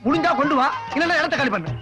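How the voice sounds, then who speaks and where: A man's voice: extremely high pitch, very animated, racing, over music. An actor playing a mocking, nagging male sidekick in a film comedy scene, teasing with needling questions. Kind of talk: Tamil film comedy acting.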